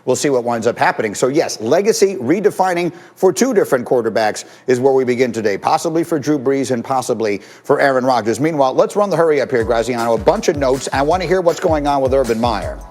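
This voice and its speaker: A man's voice: medium pitch, expressive, fast, few pauses, darkish tone. A man hosting a sports talk show, moderating in an articulate, orderly way with full sentences. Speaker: host.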